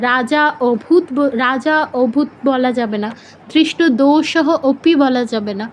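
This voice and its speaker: A woman's voice: sits high, darkish tone, highs cut off, a little hiss or hum. A woman teaching Sanskrit pronunciation in a live online class, patiently explaining and drawing out example syllables.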